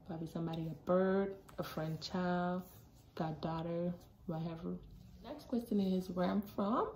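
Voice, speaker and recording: A teenage girl from Jamaica chatting casually to her phone camera in a small bedroom, animated and full of asides. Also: fairly low pitch, normal speed. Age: teens. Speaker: vlogger. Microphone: phone camera at arm's length. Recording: echoey room, faint background noise.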